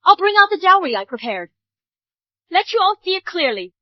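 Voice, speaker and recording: A woman's voice: very high voice, very animated, a little fast, dry recording. A woman dubbing an indignant mother firmly defending her daughter. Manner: firm, indignant. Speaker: bride's mother. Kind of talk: English drama dub. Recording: dull dry studio dub.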